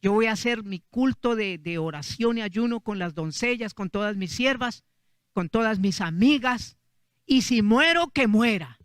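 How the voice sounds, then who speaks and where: Un hombre que hace de una joven reina asustada y suplicante, hablando con emoción dentro de una predicación. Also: male voice, high voice, lively intonation, a little slow, dry recording, studio quality. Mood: pleading. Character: frightened young queen, pleading.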